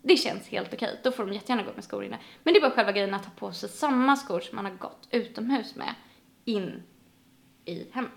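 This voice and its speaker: A woman's voice: medium pitch, gravelly. A woman from Sweden in casual conversation, telling stories animatedly and acting out the voices of people she quotes. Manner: animated storyteller, acts out quotes. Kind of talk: casual chat.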